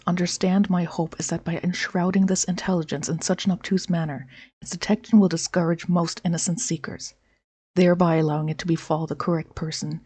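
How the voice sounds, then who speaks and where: A woman narrates written notes from a game, reading them aloud. Her voice is dark and rough-edged, with very little room sound around it. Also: fairly low pitch, dry recording. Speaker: gameplay narrator.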